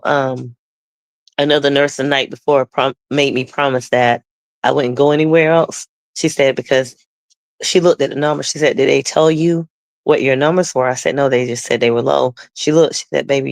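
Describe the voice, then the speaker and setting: A woman's voice: extremely low pitch, vocal fry, dry recording. A woman guest telling her personal testimony conversationally, acting out the dialogue she quotes.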